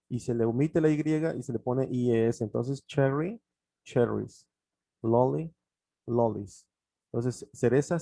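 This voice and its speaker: Mellow-voiced man teaching English grammar. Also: medium pitch, gravelly, dry recording. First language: Spanish. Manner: explains step by step, repeats examples, frequent fillers. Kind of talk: online grammar lesson.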